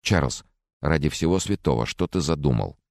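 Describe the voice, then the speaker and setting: A man voicing an anxious young woman pleading softly, in an audiobook. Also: low voice, expressive, a little fast, no echo, studio quality.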